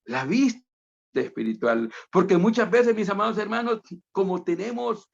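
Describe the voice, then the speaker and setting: A man from Honduras delivers a sermon over a video call. His voice is heavily gravelly and sits somewhat high. He speaks emphatically, repeats phrases, and keeps calling his listeners brothers, all through dull, lo-fi call audio. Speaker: preacher. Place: home, on a virtual meeting.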